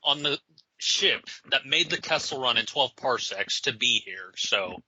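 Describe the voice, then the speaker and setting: A young man co-hosting a casual podcast, firing off playful deadpan one-liners. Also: mid-range voice, unhurried, slightly rough, no room sound, lo-fi sound. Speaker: podcast co-host.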